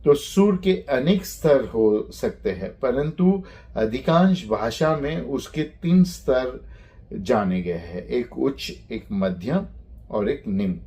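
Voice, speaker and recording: A man teaching a lecture on phonetics, speaking deliberately and spelling out sounds one by one. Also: medium pitch, expressive, warm tone.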